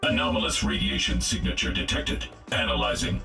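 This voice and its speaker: Ultron, an extremely deep robotic killer intelligence. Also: male voice, bright, forceful tone, reverberant, soft background music, heavily acted. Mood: cold, calculating. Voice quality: synthetic, gravelly. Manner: measured, clinical, disdainful. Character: cold arrogant killer robot intelligence, scornful of organic life. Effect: robotic voice processing. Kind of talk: video game character lines.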